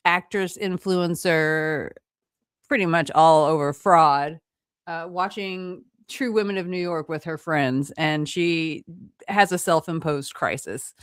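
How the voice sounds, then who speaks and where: Woman, smooth lowish voice, enthusiastic casual chat, dry close sound. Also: no echo. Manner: enthusiastic, chatty, quick agreeing replies. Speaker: podcast co-host.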